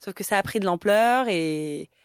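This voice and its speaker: Speaking at a moderate pace with a medium pitch and clean tone, this interview guest is a woman in her thirties from Paris, France. She's candid and chatty, using many fillers. The sound is dry and studio-clean.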